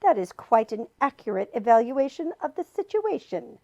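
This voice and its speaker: A woman voicing a mischievous male monster who calls out loudly and speaks with glee and coldness. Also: a little high, big pitch swings, slow, gravelly, no echo, muffled recording, full character voice. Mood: gleeful boastful. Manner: loud calling, gleeful and cold. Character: gleeful mischievous male monster of bad advice.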